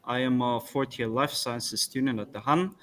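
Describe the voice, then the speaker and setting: A man's voice: mid-range voice, steady tone, fairly bright tone. Young man introducing himself. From Bulgaria. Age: young adult. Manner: earnest, brisk, a few restarts. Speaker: student guest. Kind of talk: self-introduction in a webinar.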